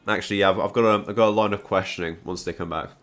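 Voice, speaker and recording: A man's voice: fairly low pitch, fairly even intonation, racing, fairly bright tone. A young man hosting a casual chess stream, rambling and joking with stammered restarts. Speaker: tournament host.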